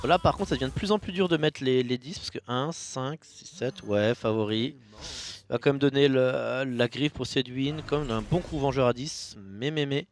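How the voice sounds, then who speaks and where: A man giving casual, jokey commentary on a card game match, with sudden bursts of loud enthusiasm. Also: medium pitch, normal speed.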